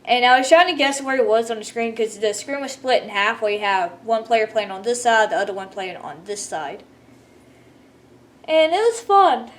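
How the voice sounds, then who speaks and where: High-voiced woman telling a gaming story. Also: lively intonation, moderate pace. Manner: rambling, laughs often, quotes others in voices. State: sleepy, yawning. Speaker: gaming vlogger. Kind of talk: casual storytelling.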